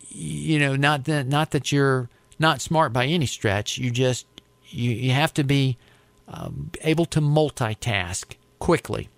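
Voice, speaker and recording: In a relaxed interview, a middle-aged man from the United States with an American accent talks about his work as an air traffic controller. He speaks at a medium pitch with no echo, chatting conversationally and frequently repeating words while he thinks.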